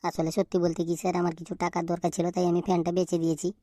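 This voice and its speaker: A woman's voice: on the low side, completely flat delivery, quick pace, mellow, no echo, natural voice. A woman doing a pleading, guilty schoolboy. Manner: stammering, pleading, fearful. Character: timid, guilty schoolboy who stole. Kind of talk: cartoon voice acting.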